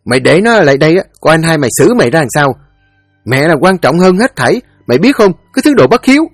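Man voicing a shrill, raging older sister in an audio story, high and loud. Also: very animated, quick pace, no room sound, clean studio sound, faint music behind. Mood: shrieking anger. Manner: shrill scolding. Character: furious older sister, Nhiếm.

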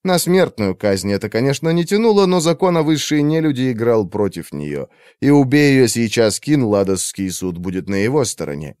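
A man reading a fantasy audiobook in a steady, expressive narration. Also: medium pitch, clear, resonant tone, no echo, clean studio sound.

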